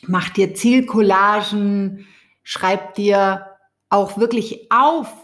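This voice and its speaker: Woman podcast host, unhurried, off the cuff, chatty spiritual coaching talk. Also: mid-range voice, fairly even intonation. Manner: speaks off the cuff with fillers, warm direct address.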